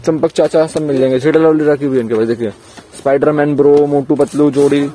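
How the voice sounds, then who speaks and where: Young man, fast talker, dark mellow tone, eager product showcase, handheld phone vlog. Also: fairly high pitch, steady tone, a little hiss or hum. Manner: eager, repeats praise, addresses viewers as friends. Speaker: YouTube business vlogger. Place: crowded wholesale shop.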